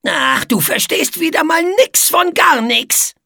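A woman's voice: sits high, big pitch swings, measured pace, gravelly, bright, forceful tone, no room sound, studio quality, pitched above the performer's own voice, exaggerated voice. Woman doing grumpy word-twisting bug Etze. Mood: mocking. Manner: growling, mocking, garbles words. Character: grumpy male bug who twists words.

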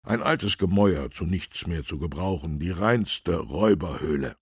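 A man's voice: low voice, moderate pace, breathy edge, dry recording, clean studio sound. A man doing an eager storybook policeman. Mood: earnest. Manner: excited, earnest, a little raised. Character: eager, dutiful male village policeman.

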